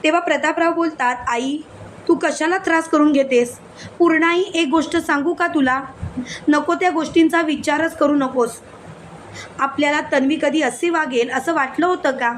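Brief: woman narrator, high bright voice, recaps a serial, reads every role in her own voice, faint background hum. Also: moderate pace. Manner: steady narration, voicing each character's lines plainly. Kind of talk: retelling a serial with read-out dialogue.

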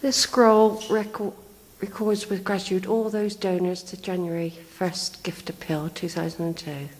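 A woman from the West Country tours a country church on video, first outdoors, then inside, rambling chattily to herself and drifting off mid-thought. She speaks unhurriedly in a mid-range voice with little pitch movement. Captured on a handheld camera mic, the recording is rough.

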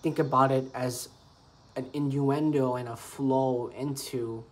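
A beatbox vlogger delivers an earnest, repetitive, rambling monologue to camera about beatboxing, his phrasing loose and improvised. His mid-range voice stays steady and unhurried.

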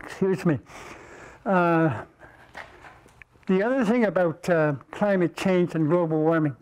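A man in his seventies with an Inuit accent, giving an informal lecture in a halting, deliberate way with pauses. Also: high-pitched, a little mellow, rough recording. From Naujaat (Repulse Bay), Canadian Arctic. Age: 70s. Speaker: guest speaker, Inuit elder. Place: university lecture room, indoors, before an audience.

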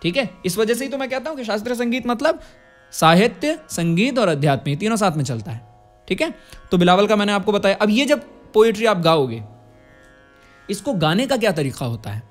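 High, lively male music teacher. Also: a little fast. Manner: explains patiently, breaks into sung demonstrations; asks rhetorical questions to the student. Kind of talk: classical music lesson.

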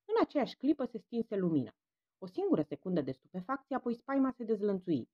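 An expressive female audiobook narrator whose pitch swings widely as she shifts between characters. The recording sounds a bit dull and lo-fi. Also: husky, dry recording. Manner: expressive, voicing each character in turn. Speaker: audiobook reader.

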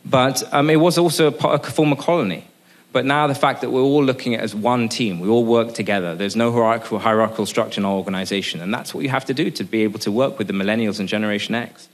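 A man's voice: medium pitch, fast. A man from Sri Lanka in his forties giving a conference speech at a lectern microphone, earnest, with many restarts and fillers. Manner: gestures at a lectern. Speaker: business executive speaking at a panel. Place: conference room, indoors.

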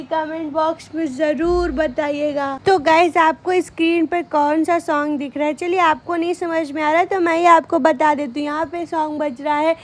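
Chatty high-voiced young woman vlogger. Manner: chatty, addresses viewers as guys. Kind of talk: casual vlog narration.

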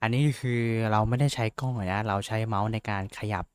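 Chatty young man, smooth and dry. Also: fairly low pitch, fairly even intonation, fast, dry recording. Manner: rambling, self-mocking, chatty with fillers. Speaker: VTuber tutorial host. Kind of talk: casual screen-share tutorial.

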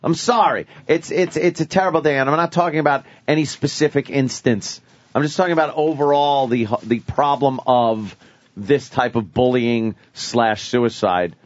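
A man's voice: mid-range voice, normal speed, no room sound. A man hosting a radio show, blunt and sarcastic, cursing freely and stumbling into restarts. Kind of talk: profane comedic radio banter. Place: radio studio. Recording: dry, dull studio broadcast.

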